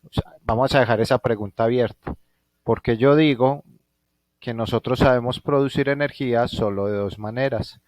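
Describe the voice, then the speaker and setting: A Colombian man teaches a physics class online from home, thinking out loud and frequently checking in with his students, with a Colombian Spanish accent. His voice is medium-pitched and darkish, at a moderate pace, with no room sound. It's a live online class lecture.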